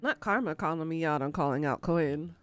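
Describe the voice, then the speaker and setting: A woman's voice: deep voice, brisk, soft background music. A woman streaming a game, chatting casually and self-deprecatingly with her viewers. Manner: laid-back, self-deprecating, talking with chat. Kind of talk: casual gameplay chat.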